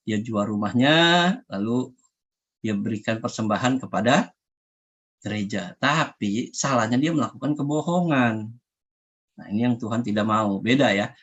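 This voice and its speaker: A man's voice: lowish voice, breathy edge, highs cut off. A man preaching as a pastor, talking to the congregation in a chatty, conversational way and often calling them brothers and sisters. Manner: conversational, repeatedly addresses the congregation as "saudara". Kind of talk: sermon.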